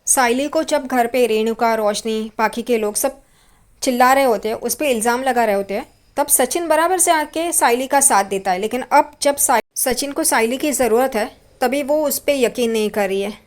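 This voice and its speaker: A woman's voice: on the high side, moderate pace. A woman casually retelling a TV serial episode and commenting on the characters as she goes. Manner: chatty, judges the characters as she tells. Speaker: TV serial recap narrator. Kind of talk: casual storytelling recap with comments.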